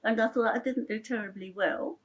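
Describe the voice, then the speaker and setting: Chatty, heartfelt older woman with a high voice. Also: steady tone, a little fast, dull audio. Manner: chatty, rambling, with frequent restarts; emotional and heartfelt. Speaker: interviewee sharing her story. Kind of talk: personal storytelling interview.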